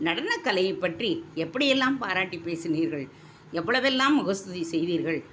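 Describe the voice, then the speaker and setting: A woman voicing a proud young female dancer who speaks with hurt, sharp indignation. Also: medium pitch, animated, moderate pace, a little hiss or hum, natural voice. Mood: indignant. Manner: indignant, sharp, tearful reproach. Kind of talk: storybook reading.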